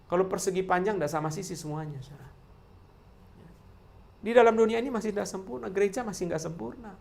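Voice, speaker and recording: A man's voice: high voice, fast talker, gravelly, darkish tone, slight background noise. A man preaching a sermon to his congregation. He keeps turning to the listeners with direct address and poses question after question, then answers them himself. Key words come back again and again, hammered home. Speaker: pastor.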